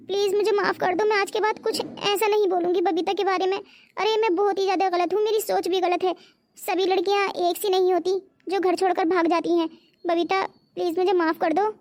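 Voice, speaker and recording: A gossipy young sister-in-law in a comic cartoon, voiced by a woman. She needles and stirs trouble in a very high, sharp-edged voice. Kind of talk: cartoon voice acting.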